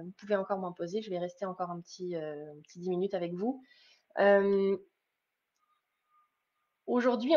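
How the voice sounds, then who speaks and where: Woman, spiritual business coach on a live stream; earnest direct address, hesitant, mid pitch, slightly muffled audio. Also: a little mellow. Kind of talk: live-stream motivational talk.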